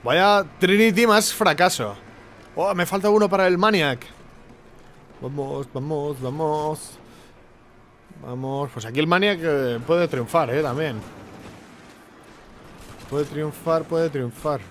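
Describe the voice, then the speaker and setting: A young man from commentating his own gameplay, excitable, with sudden shouting bursts and repeated words. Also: fairly high pitch, takes it slowly, pauses often, a little hiss or hum. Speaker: gaming YouTuber.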